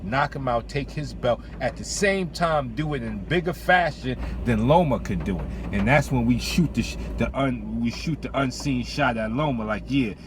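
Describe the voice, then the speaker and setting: A medium-pitched man with lively intonation talks boxing as a host at a moderate pace, barely pausing. His casual, opinionated sports talk is slangy and repetitive for emphasis, with background noise, in or beside a vehicle.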